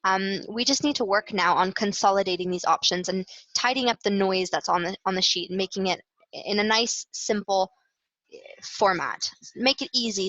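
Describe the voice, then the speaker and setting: Her voice is mid-range and a touch bright as this Canadian-accented client success manager demonstrates a product for webinar viewers. She keeps it informal and explanatory, with lots of hesitations, and the recording has a roomy, slightly dull quality.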